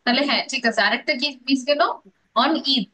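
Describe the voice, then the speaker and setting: A woman's voice: sits high, brisk, pushed and bright, poor audio. A woman with a Bangladeshi accent teaching an English grammar class, drilling pronunciation and mixing English phrases into her explanations.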